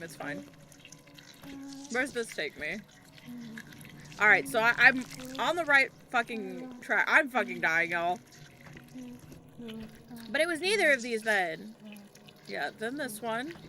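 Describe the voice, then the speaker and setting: Woman streaming a game over clear noise. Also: a little high, slow pace, pauses often. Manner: expressive, sweary, reacting aloud. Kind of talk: gameplay commentary, reading game text aloud. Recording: clearly noisy background.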